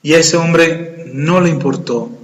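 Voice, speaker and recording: A man preaching a sermon, retelling scripture with animated, acted-out dialogue. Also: on the high side, a little slow. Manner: animated storytelling, acting out voices in quotes. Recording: echoey hall with long reverb.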